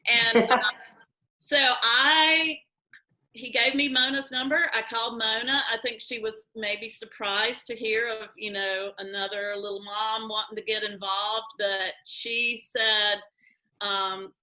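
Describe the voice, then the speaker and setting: A middle-aged woman speaking at a conference, telling a personal story in an animated, self-mocking way and acting out old conversations. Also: fairly high pitch, a little slow, rough recording. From Georgia, US.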